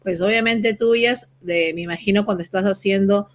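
A woman hosts an interview in a relaxed, conversational way. She asks friendly questions at a middle pitch and answers her guest with short agreeing words. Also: moderate pace. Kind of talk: casual interview chat.

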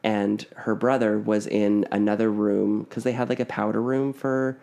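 A man's voice: fairly low pitch, level tone, moderate pace, vocal fry, dark tone. A man co-hosting a podcast, telling a spooky family story in a casual, rambling way full of fillers and restarts. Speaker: podcast co-host.

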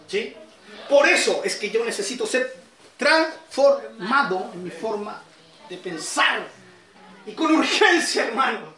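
Chilean pastor guy preaching, high bright voice, goes soft then shouts. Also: expressive, slow, roomy sound, distant mic. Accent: Chilean Spanish. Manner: emphatic preaching, swinging from soft asides to shouted peaks. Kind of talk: sermon.

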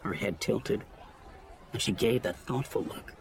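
A man narrating a story as an audiobook reader, in an expressive storytelling manner. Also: fairly low pitch, unhurried, creaky, slight background noise. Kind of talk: scripted narration.

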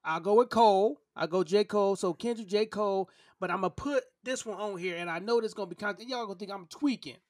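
A man's voice: high voice, fast talker, hardly any pauses, no echo, studio quality. A man in his thirties chatting casually as a podcast co-host, arguing his opinions emphatically and repeating himself for stress. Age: 30s. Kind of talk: casual opinionated debate chat.

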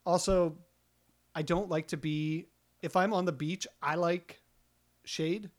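Middle-aged male co-host, higher-pitched voice, rambling and self-mocking, casual chat. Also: steady tone, slow pace. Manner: rambling, self-deprecating, many restarts and ums. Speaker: podcast co-host.

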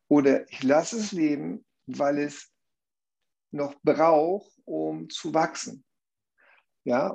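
A man's voice: a little high, gravelly, a little mellow, breathy edge. A man explaining a view earnestly in conversation, often checking in with tag questions.

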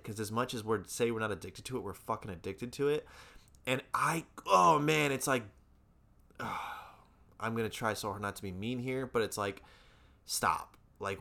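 A man's voice: mid-range voice, normal speed, gravelly, pushed and bright. A man in casual podcast chat, ranting with heat and plenty of swearing, often stumbling over repeated words as he restarts sentences. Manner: profane, heated ranting.

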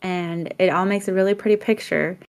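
A woman's voice: on the low side, fairly even intonation, fairly quick. A woman co-hosting a podcast, talking things through reflectively and laughing often. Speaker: podcast co-host. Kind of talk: casual conversation.

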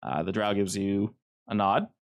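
A man narrating as game master of a tabletop game, relaxed, with many filler words. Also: on the low side, normal speed, gravelly.

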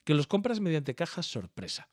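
A man with a Spain Spanish accent, a bit higher-pitched than most men, chatting casually and telling stories with lively energy and plenty of swearing. The sound is dry and close, with no room around it. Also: moderate pace, no room sound. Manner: animated storyteller, swears freely, imitates others. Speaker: podcast co-host. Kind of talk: casual chat among friends.

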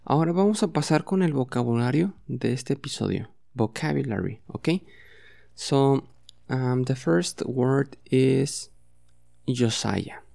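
Man, podcast English teacher, gravelly, mellow, patient repetition, bilingual lesson. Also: medium pitch, unhurried, clean studio sound. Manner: patient, repeats words for the listener to echo.

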